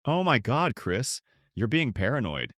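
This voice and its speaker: A man's voice: low-pitched, very animated, moderate pace, a bit bright, no room sound, studio quality, exaggerated voice. A man reading the lines of an irritated middle-aged wife in a scripted story, giving curt, dismissive replies in a cold, defensive way. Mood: annoyed.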